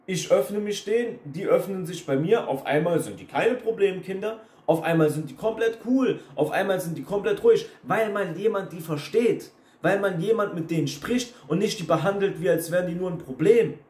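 A young man hosts a self-help video, speaking bluntly to camera in a high-pitched, darkish voice at a moderate pace with few pauses. His casual lecturing monologue is repetitive and mixes in English phrases, recorded in an echoey room.

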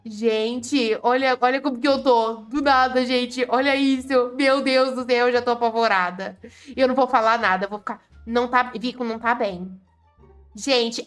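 A Brazilian woman with a high, bright voice gives excited gameplay commentary. She talks in a playful, dramatic way, full of fond and teasing exclamations. Faint game music plays behind her. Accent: Brazilian Portuguese. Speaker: gaming YouTuber.

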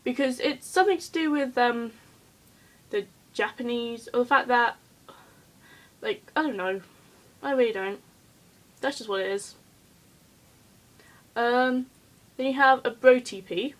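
A woman's voice: on the high side, unhurried, long pauses, fairly bright tone, poor audio. A woman chatting casually in a vlog, hyper and giggly, rambling with lots of ums. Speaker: vlogger.

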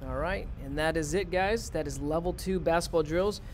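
A male teacher walks his class step by step through a robot programming task in a screen-recorded lesson, keeping it plain and guiding students along. His voice is fairly high and moderately paced, with a little hiss or hum in the background.

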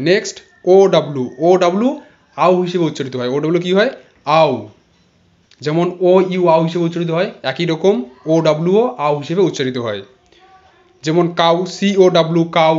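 A man's voice: fairly high pitch, lo-fi sound. A man teaching English spelling and pronunciation, spelling words out letter by letter and repeating each sound. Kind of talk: explanatory lesson.

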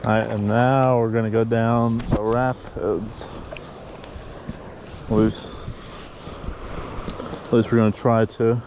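A young fishing vlogger with a medium-pitched voice talks slowly, leaving long pauses, as he narrates a river trip from a paddle board and coaches a friend in a relaxed, chatty way. It's a casual outdoor vlog recorded on an action camera mounted to the board, so flowing water is audible throughout.

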